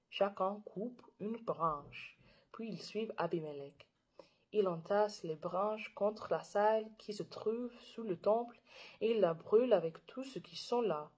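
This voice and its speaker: A young woman reading scripture aloud in French with an English-speaking learner's accent. She reads carefully, halting and correcting herself. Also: medium pitch, a little mellow. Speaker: Bible reader and video creator.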